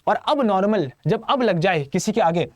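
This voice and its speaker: A man's voice: high-pitched, lively intonation, moderate pace, dry recording. Playful Indian male tutor, exam-prep lesson, close dry mic. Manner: playful, chatty, addresses students directly. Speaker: English vocabulary teacher.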